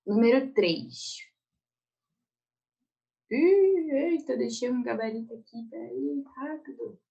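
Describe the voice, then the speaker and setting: A woman's voice: a little high, unhurried, vocal fry, dark tone, dull audio. A woman with a Brazilian Portuguese accent teaching an online exam-prep Portuguese lesson, explaining step by step and checking in often with her students.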